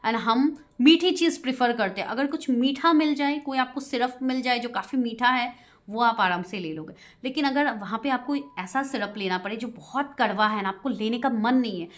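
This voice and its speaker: Giggly woman tarot reader, somewhat high voice. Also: normal speed, soft background music. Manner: giggly, keeps breaking into laughter; chatty, mixes English into her talk. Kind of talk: tarot reading video for viewers.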